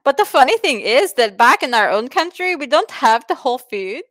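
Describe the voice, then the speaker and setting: A woman playing a foreign self-care adviser who speaks in broken, halting English with many restarts. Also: high voice, big pitch swings, fairly bright tone, no room sound. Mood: deadpan advice. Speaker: comic advice giver. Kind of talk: improvised comedy bit.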